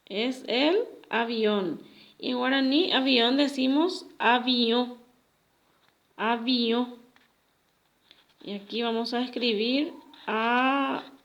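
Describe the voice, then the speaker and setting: A woman's voice: a little high, takes it slowly, long pauses, lo-fi sound. A woman teacher giving a recorded language lesson for children, carefully repeating each new word. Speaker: Guaraní teacher.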